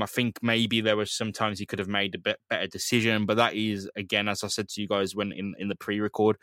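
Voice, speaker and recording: Low-voiced football podcaster. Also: male voice, a bit bright, dry recording, clean studio sound. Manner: chatty, matey, teasing. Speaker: podcast co-host. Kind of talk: casual football chat.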